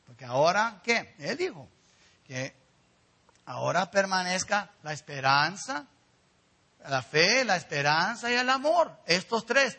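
A man delivering a sermon in a high, bright voice that climbs and falls emphasis. His tone is slightly husky. He urges his congregation directly and earnestly. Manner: preaching with rising emphasis and direct appeals to the congregation. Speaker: pastor.

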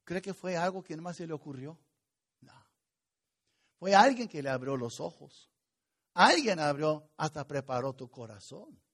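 A man preaching a sermon to a congregation, with sudden swings between loud urgency and quiet asides. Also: a little high, very animated, unhurried, long pauses. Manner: preaching with sudden rises and drops in loudness. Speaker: pastor.

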